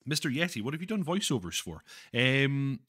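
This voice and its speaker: A man hosting a live stream, chatting casually with viewers, self-deprecating and halting, with many restarts. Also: medium pitch, very animated, a bit bright, breathy edge. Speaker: livestream host reading chat.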